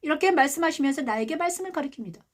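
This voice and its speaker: A middle-aged woman pastor giving a sermon, emphatic, asking rhetorical questions and softly voicing tender words of comfort. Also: high-pitched, expressive, racing. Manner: softly quotes a gentle, loving voice of God.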